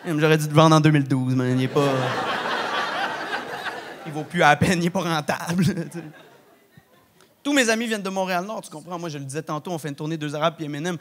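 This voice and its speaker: A young man with a broad Québécois accent works through a stand-up set, his voice sitting high for a man. He talks in a loose, slangy, animated way and drops Quebec swears throughout. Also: fairly quick, pauses often, a little hiss or hum. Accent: Québécois French. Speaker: stand-up comedian. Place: large theatre stage with live audience.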